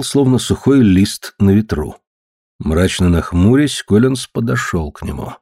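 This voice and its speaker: A man's voice: fairly low pitch, a little mellow, breathy edge, no room sound. Male audiobook narrator, dry sound. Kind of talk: scripted narration.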